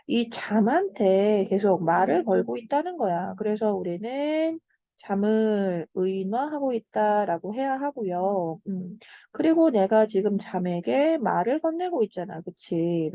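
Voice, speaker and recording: A young woman tutoring Korean literature in an online lecture, explaining patiently, checking in with the student and slowing down on key terms. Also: mid-range voice, mellow, no room sound.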